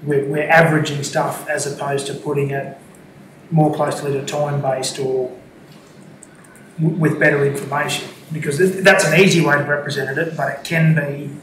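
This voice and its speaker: A man speaks as a councillor in a flat, slightly high voice, stumbling and restarting as he works through his points. He sounds distant in an echoing council chamber with room noise behind him. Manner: halting, many restarts. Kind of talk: formal meeting discussion. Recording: echoey chamber, distant mic, noisy.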